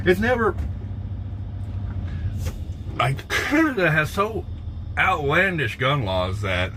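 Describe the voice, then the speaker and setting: An American truck driver chats on a phone livestream from his truck cab, his medium-pitched voice set against background noise. He's blunt, profane and rambling, often restarting his sentences.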